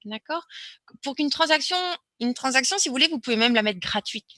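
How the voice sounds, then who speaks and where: A woman with a high, bright voice runs a live online webinar, chatting loosely and often stopping to restart her sentences. Her voice comes through a computer microphone, close and dry with no room sound. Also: a little fast, dry recording. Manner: chatty, hesitant with many fillers and restarts. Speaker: webinar presenter. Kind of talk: live webinar Q&A, casual explaining.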